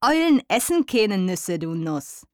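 A woman's voice: medium pitch, sing-song, slow pace, dry recording, clean studio sound. A woman voicing a plump, blunt male mole in a children's storybook, talking in a folksy way.

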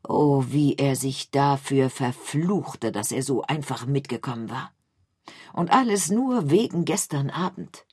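Female narrator, low husky voice, dry close sound, storybook reading. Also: no room sound. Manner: measured, expressive.

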